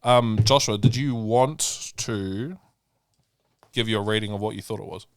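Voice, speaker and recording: A man's voice: lowish voice, measured pace, faint music behind. A man hosting a casual podcast chat, rambling and swearing as he retells scenes. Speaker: podcast host.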